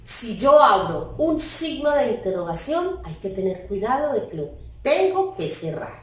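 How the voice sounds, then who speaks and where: A woman teacher giving a grammar lesson, speaking deliberately and repeating key words for emphasis. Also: on the high side, big pitch swings, recorded from a distance. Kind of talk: recorded grammar lesson for pupils. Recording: very echoey room, voice off-mic.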